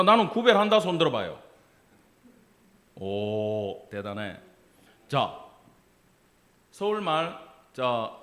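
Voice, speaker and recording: Animated, lively-voiced Korean pastor. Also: male voice, fairly high pitch. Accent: Gyeongsang Korean. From Gyeongsang region of Korea. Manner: animated, acts out dialect and quoted voices. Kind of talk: sermon.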